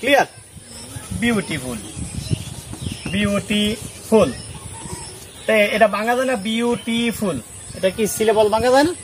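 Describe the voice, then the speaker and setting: Extremely high-pitched and fast-talking, this man gives a classroom English grammar lesson at a board, with a bit of hiss or hum audible. He walks through the rules step by step, checking understanding again and again with questions.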